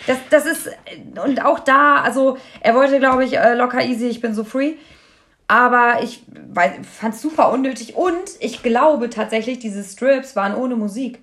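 Woman a bit on the high side, blunt and sarcastic, slangy casual chat. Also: normal speed, fairly bright tone. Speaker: podcast co-host. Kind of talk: casual chat recapping a reality show.

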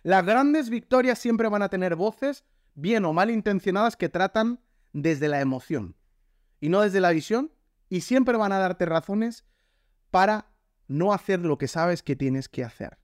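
Lively Spanish man preaching. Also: high-pitched, a little slow, no room sound, clean studio sound. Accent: Spain. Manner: animated, jokey, acts out quoted voices. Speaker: pastor. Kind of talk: sermon.

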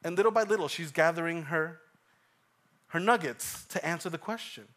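A pastor in his thirties from Ecuador preaching a sermon, swinging from hushed asides to loud emphatic lines and repeating phrases for weight. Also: fairly high pitch, normal speed.

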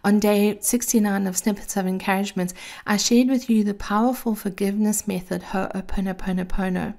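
A woman's voice: mid-range voice, warm tone. A woman hosting a scripted motivational monologue in a sultry, intimate femme-fatale manner, with a sweet voice. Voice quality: sweet, creaky. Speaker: host of a daily encouragement series.

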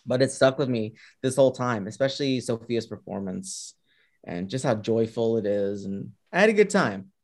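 A man's voice: mid-range voice, animated, moderate pace. A man hosting a film podcast, chatting casually about movies he recommends. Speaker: podcast host.

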